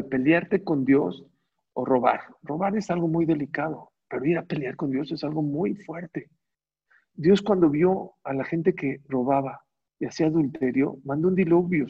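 Gravelly man giving an emphatic Torah lecture. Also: a little high. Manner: asks the audience rhetorical questions; emphatic, repeats phrases for stress. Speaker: Torah teacher. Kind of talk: religious lecture to an audience. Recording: dull, slightly muffled recording.

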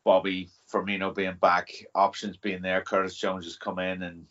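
A man with an Irish accent giving casual, measured football analysis as a podcast guest, with some hesitation. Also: sits low, completely flat delivery, a bit bright. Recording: dull lo-fi remote podcast sound.

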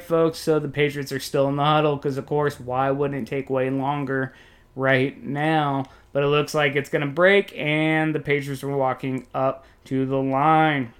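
A man doing joking, excitable, folksy play-by-play commentary on a football video game. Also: a little high. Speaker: play-by-play announcer.

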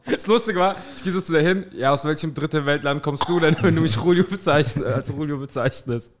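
A man's voice: a little high, brisk, noisy background. A man co-hosting a casual podcast, joking dryly and mocking himself. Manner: dry, joking, self-mocking. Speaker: podcast co-host.

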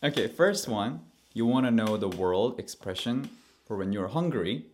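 A man's voice: lowish voice, expressive, moderate pace, darkish tone. A man, a cheerful influencer guest on a podcast who giggles and jokes easily. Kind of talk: casual podcast interview.

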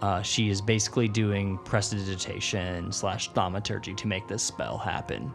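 A man's voice: low voice, normal speed, creaky, over music. A man narrating a tabletop game as game master, improvising as he goes.

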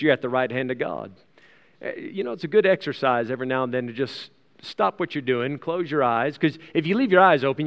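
Speaking in a mid-range, fairly bright voice, an American man addresses his congregation in a sermon drawn from scripture. He keeps it conversational, full of asides and rhetorical questions, and the big room gives off a long hall reverb.

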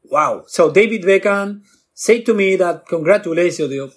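Animated man telling stories. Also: moderate pace, slightly rough. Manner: acts out quotes with jumps in pitch, non-native grammar. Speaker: guest bartender. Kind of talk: animated storytelling.

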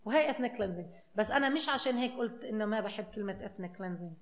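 A woman's voice: mid-range voice, animated, fast, roomy sound. A woman researcher with a Palestinian Arabic accent explains informally, switching between Arabic and English words and phrases. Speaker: researcher speaking on a panel.

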